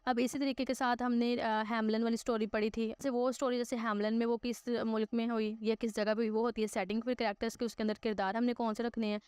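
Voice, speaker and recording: A woman teacher talks through an online English lesson in a smooth, clear, fairly high voice. She reads English example sentences slowly and deliberately, then explains them with hesitant fillers and frequent check-ins. The sound is close and dry, with no room echo. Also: little pitch movement, darkish tone. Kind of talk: recorded online grammar lesson.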